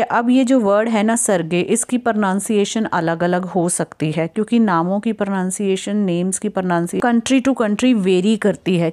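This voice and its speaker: A woman teaching an English story for school exams. She reads each English line slowly, explains it in Hindi with English words mixed in, and checks in with students often. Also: medium pitch, darkish tone. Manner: checks in with listeners often ("theek hai"). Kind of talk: exam-prep lesson explaining a story line by line.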